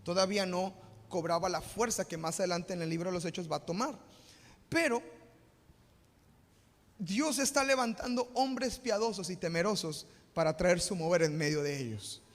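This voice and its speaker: A Mexican pastor preaching live with a high, ringing voice. He often asks the congregation a question and then answers it himself. His voice echoes with the long reverb of a church hall. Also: moderate pace. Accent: Mexican Spanish. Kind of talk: live sermon. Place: church sanctuary.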